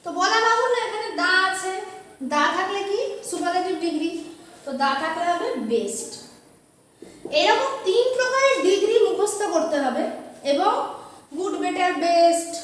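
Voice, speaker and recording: A woman teacher giving an exam-prep grammar lesson, dictating examples slowly and answering her own questions. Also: very high-pitched, expressive, fairly bright tone. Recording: echoey room, voice from a distance.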